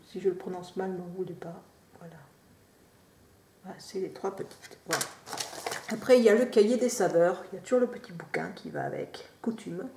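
A woman chatting casually through an unboxing, drifting into soft quiet asides. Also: medium pitch. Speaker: unboxing vlogger. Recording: roomy echo, faint noise.

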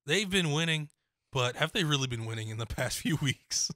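An opinionated young man with a bright, pointed voice gives his football picks in casual studio chat. The mic is close and the room dry. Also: a little high, animated, no room sound. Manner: opinionated, quick laughs and restarts. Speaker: sports show co-host. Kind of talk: casual sports talk. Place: small studio with foam panels. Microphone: studio mic on boom, headphones.

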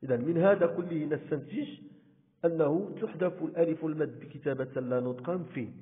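A man from Morocco teaching a primary school spelling lesson, speaking deliberately and drawing out example words. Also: on the high side, slight background noise. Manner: deliberate, stretches out example words, repeats "so" often. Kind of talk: recorded Arabic spelling lesson. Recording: tinny phone-like sound with long reverb.

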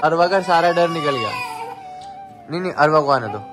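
A young man filming a casual family vlog at home, coaxing children and a pet cat in a playful, gentle way. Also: on the high side, expressive, normal speed. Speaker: vlogger filming family pets. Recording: music playing under the voice.

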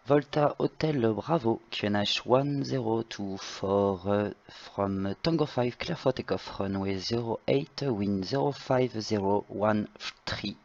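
A male tower controller with a low voice full of vocal fry. He gives clearances politely and hesitantly, and the microphone sounds dull. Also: slow pace, few pauses, a little mellow. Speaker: tower air traffic controller in online flight simulation. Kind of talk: radio phraseology, giving clearances.

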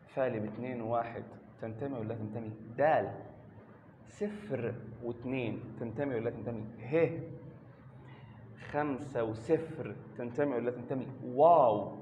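A man's voice: mid-range voice, slight background noise. Egyptian male teacher in echoey classroom. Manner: quizzes students by name, repeats questions, patient. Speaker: math teacher. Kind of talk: classroom math lesson. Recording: echoey, dull lo-fi classroom recording.

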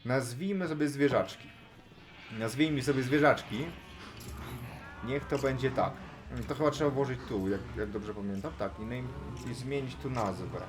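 A man commentating his own Minecraft play in casual, chatty talk, chatting to the animals and now and then shouting with excitement. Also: mid-range voice, moderate pace, background noise. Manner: chatty, talks to animals in game, bursts of excited yelling. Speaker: gaming YouTuber.

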